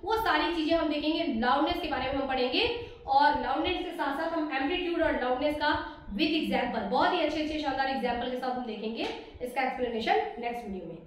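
A woman's voice: sits high, quick pace. An Indian woman teaching a lesson, asking herself questions and answering them at once, often checking in with her students. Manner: rhetorical questions answered at once, frequent "theek hai". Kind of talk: classroom lesson explanation. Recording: very echoey room.

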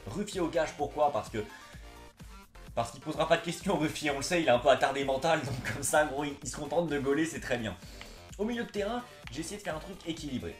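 A man's voice: a little high, expressive, fast talker, reverberant, faint music behind. A young man with a slight slushy lisp on his s sounds, chatting casually and slangily like a gaming YouTuber. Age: young adult. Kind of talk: casual gaming vlog chat. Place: small indoor room, seated on a couch.

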